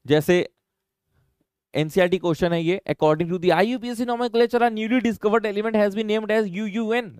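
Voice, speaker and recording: एक पुरुष शिक्षक कक्षा में रसायन पढ़ाते हुए, हिंदी और अंग्रेज़ी मिलाकर फुर्ती से और छात्रों को छेड़ते हुए बोलता है।. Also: male voice, sits high, a little mellow, clean tone, no echo, studio quality. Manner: brisk, teasing, mixes Hindi and English. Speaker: chemistry teacher. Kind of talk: classroom lecture. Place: classroom.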